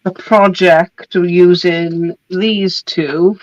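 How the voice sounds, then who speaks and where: A woman with a lowish voice and fairly even intonation talks extremely slowly, the recording dry with its highs cut off. She's coming down with a cold and losing her voice, casually showing off craft papers as host, laughing often and trailing off with ums.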